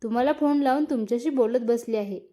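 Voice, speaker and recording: A woman's voice: a little high, fast talker, warm tone, close to an everyday voice. A woman voicing a shy, nervous young wife who speaks timidly in a read-aloud story. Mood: soft. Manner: timid and hesitant.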